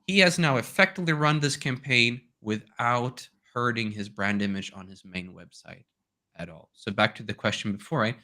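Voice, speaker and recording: A man's voice: mid-range voice, moderate pace, sharp tone. A man from Sweden, a native Swedish speaker, giving a conversational webinar talk and telling anecdotes, often checking in with "right?". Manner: conversational, tells anecdotes, tags questions with "right?". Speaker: guest speaker on domains. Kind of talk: webinar presentation.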